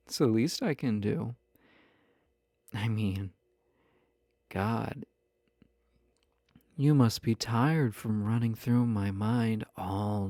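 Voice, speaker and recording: Playing a husband who is both flirty and possessive, this actor teases the listener with mock-innocent, coy come-ons in an intimate roleplay audio. His male voice leans low and mellow, and the studio-quality recording is dry.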